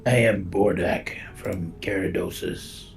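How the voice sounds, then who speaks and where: A man playing a grave male orc warrior, speaking slowly and formally in a deep, gravelly voice. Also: fairly even intonation, faint music behind, exaggerated voice. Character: gruff male orc warrior, clan fighter. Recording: roomy echo.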